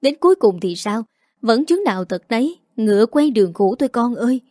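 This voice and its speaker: A woman voicing an older village mother who wails and scolds harshly, in a dry mellow voice. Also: a little high, sing-song, a little fast, dry recording. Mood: lamenting. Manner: wailing, scolding, harsh-tongued.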